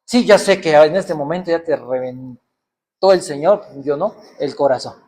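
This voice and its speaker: A man's voice: a little high, a little slow, darkish tone, slightly rough. A middle-aged man preaching a sermon, firing off rhetorical questions and acting out people's excuses. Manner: rhetorical questions, acts out excuses in other voices.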